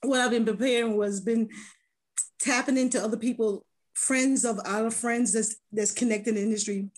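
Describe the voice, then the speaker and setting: A slightly hoarse woman talks in a casual interview, earnest and rambling, often restarting her sentences. Her voice sits a little high for a woman. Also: fairly even intonation, moderate pace. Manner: rambling, self-correcting, earnest. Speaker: music producer and manager.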